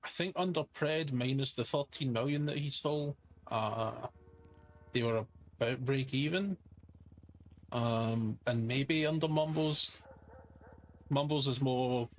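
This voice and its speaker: A man giving improvised courtroom testimony as a justice, explaining in a measured, hesitant way. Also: medium pitch, rough recording. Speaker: witness, a justice in role-play.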